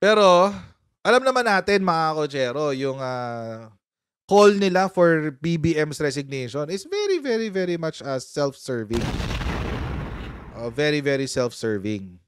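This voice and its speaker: A man hosting a casual political commentary livestream, animated, laughing often and mixing English into his talk. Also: fairly high pitch, unhurried, clear, resonant tone, no room sound.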